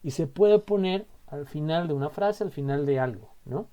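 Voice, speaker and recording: Mexican man, relaxed chatty teacher, warm mellow tone, explains point by point. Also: fairly high pitch, moderate pace. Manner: chatty, explains with lots of "o sea" and "¿no?" tags. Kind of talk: casual online grammar lesson.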